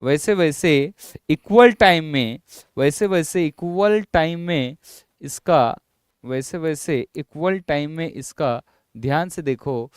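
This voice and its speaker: A man teaching physics in a classroom lecture. He explains slowly and repeats himself, coaxing his students along. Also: a little high, dry recording, studio quality. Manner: drawn-out, repetitive explaining, coaxing students with "yaar" and "bhai".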